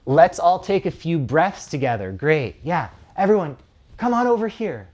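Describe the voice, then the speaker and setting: A man demonstrating a projected stage voice, playing a cheery group leader who speaks loud, high and with a questioning lift. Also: big pitch swings, moderate pace. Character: loud, bright, high-pitched group leader rallying a crowd.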